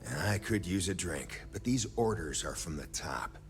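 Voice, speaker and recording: Game operative in charge: low, gruff, dry, with lively intonation. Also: male voice, normal speed. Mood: firm, irritated. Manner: blunt, dry, commanding. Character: gruff, pragmatic male space operative in charge. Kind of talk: video game character dialogue.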